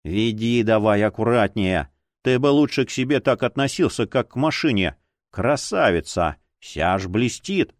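A man's voice: fairly low pitch, animated, normal speed, dry recording, studio quality, lightly acted. A man voicing a grumpy, sarcastic older policewoman, a former chief, who grumbles and scolds. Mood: mocking.

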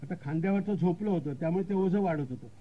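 A man's voice: high-pitched, fast talker. A man narrating a humorous story with wry comic commentary, on a dull lo-fi recording.

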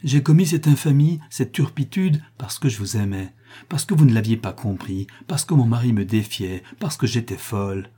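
A man's voice: medium pitch, expressive, normal speed, mellow, husky. A man reading aloud, voicing a proud, passionate young woman in an impassioned, raised voice. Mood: vehement.

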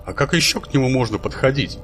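A man doing a higher, fussy archangel. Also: animated, fast talker, fairly bright tone, slight background noise, close to an everyday voice. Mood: puzzled. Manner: polite, dutiful, calls his master sir. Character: fussy, deferential male archangel servant.

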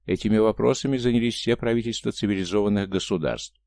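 A man narrating a science fiction novel as an audiobook, in a measured, even storytelling manner. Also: lowish voice, creaky, no room sound.

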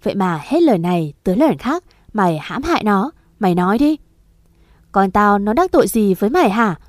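A woman doing a spiteful stepmother's fast, loud tirade. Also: medium pitch, big pitch swings, no echo, clean studio sound, close to an everyday voice. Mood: spiteful accusing. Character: spiteful scheming stepmother, middle-aged woman.

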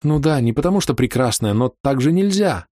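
A man voicing an excitable, passionate middle-aged woman who scolds and pleads with reproach. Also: medium pitch, brisk, no echo, clean studio sound, pitched above the performer's own voice, close to an everyday voice. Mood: pleading.

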